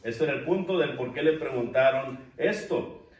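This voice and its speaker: A man of medium pitch speaks at a moderate pace. He is a preacher teaching a church Bible class, addressing the group as brothers and putting questions to them, heard through a distant mic in an echoey church room.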